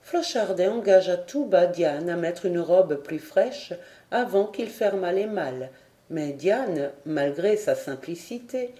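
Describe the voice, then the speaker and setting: Woman narrating a fairy tale audiobook, mellow and calm, bit of room echo. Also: on the low side. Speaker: audiobook reader. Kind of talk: storybook narration. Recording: roomy echo.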